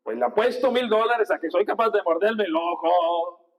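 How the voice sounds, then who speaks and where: A man's voice: sits high, normal speed, lightly acted, rough recording. A man voicing a boastful Mexico City man with an imitated Mexico City accent, folksy and drawling. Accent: Mexico City Spanish, imitated.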